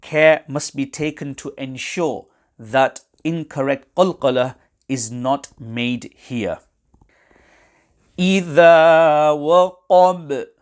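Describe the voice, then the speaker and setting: A man teaching Quran recitation rules in a webinar, explaining carefully and reciting short examples. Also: mid-range voice.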